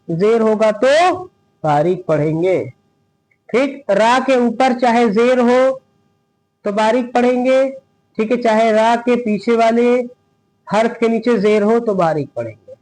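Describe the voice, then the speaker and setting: A man teaching a Quran reading lesson, spelling out each syllable slowly and asking his students questions as he goes. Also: extremely high pitch, darkish tone, rough recording. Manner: patient, repeats each syllable and asks the class questions.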